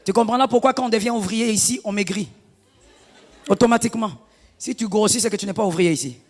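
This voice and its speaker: A middle-aged woman pastor delivering a sermon, animated and half-singing some phrases, breaking into shouts. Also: medium pitch, quick pace, big-room sound, some chatter behind. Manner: animated preaching, lapsing into sung phrases and shouts.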